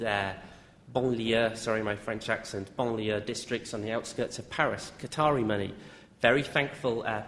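A man's voice: medium pitch, fairly bright tone. A man, a university lecturer, giving an academic talk with frequent "uh" fillers as he lists examples. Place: lecture hall. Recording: echoey hall with long reverb.

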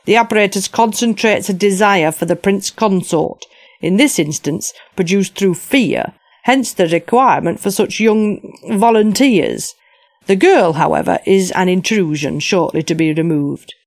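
A woman's voice: mid-range voice, measured pace, gravelly, a little mellow, no echo, studio quality. A woman voicing a pompous, scheming middle-aged male official who grovels to superiors and sneers at others. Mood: obsequious. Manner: obsequious, cold, sneering.

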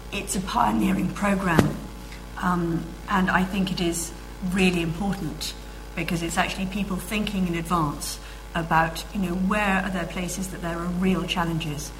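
Woman answering questions with measured pauses. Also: on the low side, background noise. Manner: measured, with frequent ums and restarts. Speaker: guest speaker. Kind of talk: answering audience questions at a lecture.

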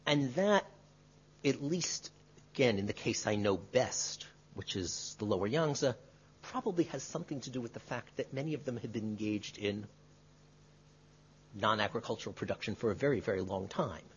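A professor, a man with a lowish voice, answers a question from the floor, weighing his words and adding "right?" as he goes. The recording is dull and lo-fi. A faint hiss runs beneath it. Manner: measured and qualifying, with frequent tag questions. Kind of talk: academic lecture Q&A. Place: lecture room.

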